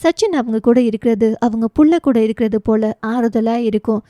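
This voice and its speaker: A woman's voice: fairly high pitch, normal speed, warm tone, dry recording, clean studio sound, natural voice. A woman voicing a teasing, resolute young woman who is a loyal friend, in a romance audio novel. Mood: earnest.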